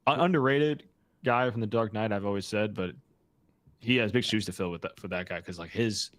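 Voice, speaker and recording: A man with a somewhat low voice chats casually on a podcast. He rambles through his points and often backs up to restart his sentences. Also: brisk. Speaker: podcast co-host. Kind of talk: casual chat.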